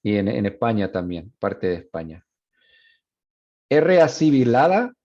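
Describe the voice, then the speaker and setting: A Spanish professor delivers a university lecture on Spanish linguistics, moving between Spanish and English with lots of fillers and restarts. His voice is fairly low and warm, very animated but measured in pace, and the recording sounds muffled.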